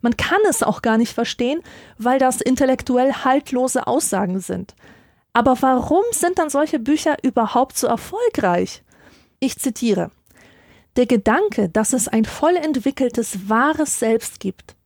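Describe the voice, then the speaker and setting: A woman narrating a scripted philosophical essay in a measured, dryly ironic way. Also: a little high, darkish tone, no room sound, clean studio sound.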